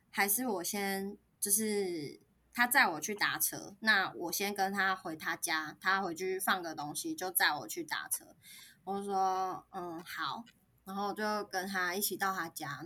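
A woman speaking Mandarin with a Taiwanese accent, gently telling a personal story in a casual podcast chat, with soft pauses and many fillers. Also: medium pitch. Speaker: podcast co-host.

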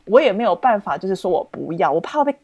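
Young woman, podcast host, lively swooping pitch, dry close sound. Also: fast, no echo, highs cut off. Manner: animated, expressive, lots of restarts and exclamations. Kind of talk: casual storytelling chat.

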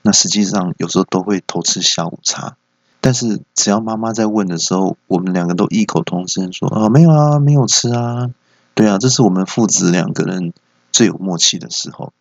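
A man hosting a comedy podcast, telling comic stories in a deadpan way with stammered pauses, on a dull lo-fi recording. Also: sits low, slightly rough, dry recording. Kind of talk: comic storytelling monologue.

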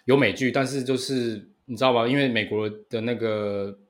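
A man in his thirties with a Taiwanese Mandarin accent, co-hosting a casual podcast in an animated, repetitive way that keeps seeking agreement. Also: mid-range voice, moderate pace. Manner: animated, repeats phrases, seeks agreement. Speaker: podcast co-host. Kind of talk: casual bantering podcast chat.

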